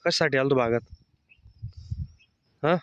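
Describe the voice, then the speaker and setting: A man's voice: mid-range voice, measured pace. A man filming a casual family vlog, teasing and coaxing his small child in a playful way. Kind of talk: casual family vlog, talking to camera and toddler. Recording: dull lo-fi phone audio.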